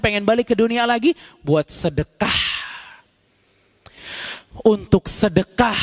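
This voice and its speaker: A man preaching a sermon with passion, swinging from pleading cries to low, solemn asides.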